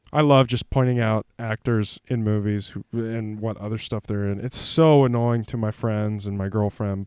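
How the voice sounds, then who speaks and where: A man's voice: medium pitch, smooth, no echo, clean studio sound. A man hosting a casual movie commentary vlog, rambling with lots of fillers and goofy jokes. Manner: rambling, filler-heavy, jokey. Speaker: host.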